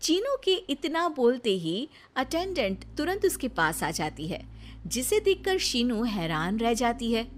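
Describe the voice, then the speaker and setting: Woman telling a cartoon bedtime story, high lively voice, soft music under. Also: measured pace, slight background noise. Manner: even, storytelling. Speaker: narrator. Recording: faint music behind.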